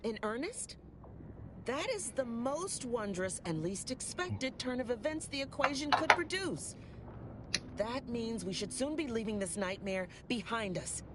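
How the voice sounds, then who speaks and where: An earnest survivor with a high voice that swings up and down. She speaks in formal, grateful phrases over heavy game noise. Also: expressive, measured pace. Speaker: game character. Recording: game audio with loud background noise.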